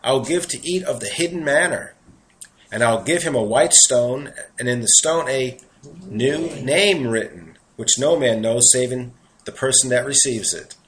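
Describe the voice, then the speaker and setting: A man with a New York accent preaches a sermon in a medium-pitched voice, reading scripture aloud. Between the verses he breaks off into earnest, conversational asides. The audio quality is poor.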